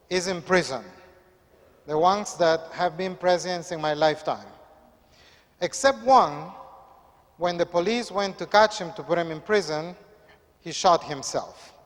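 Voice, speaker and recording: A priest, reading the Gospel and preaching in a measured, earnest way. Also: male voice, high voice. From Peru. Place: church. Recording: echoey church hall.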